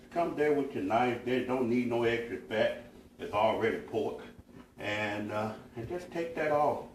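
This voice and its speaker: A man giving a casual cooking demonstration as a pitmaster, talking in a folksy, homespun way with plenty of fillers. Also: mid-range voice. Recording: echoey room, mic at a distance, faint noise.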